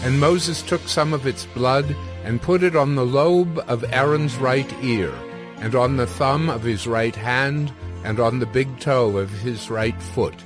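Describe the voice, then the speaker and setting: Reading from a script, a man narrates scripture in a measured, solemn way. His voice is mid-range, and music plays in the background.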